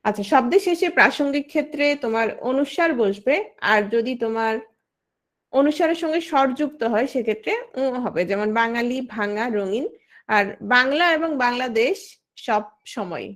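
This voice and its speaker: A woman, likely in her thirties, leads an exam-prep class in a high, bright voice. She explains rules step by step, throws out questions and then answers them herself. She calls on individual students by name as she goes. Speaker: teacher. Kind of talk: online exam-prep lesson.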